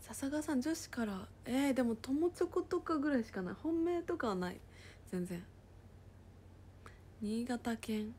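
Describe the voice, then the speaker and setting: A woman casually chatting on a livestream, reading viewer comments aloud and often dropping into a soft whisper. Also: a little high, animated, measured pace, slight background noise. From Japan.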